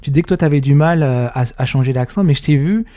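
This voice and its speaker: A host with a mellow, warm voice gives a relaxed, casual interview and mostly answers with short agreeing replies. The recording is dry and close. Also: medium pitch, fast, no room sound. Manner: brief back-channel replies.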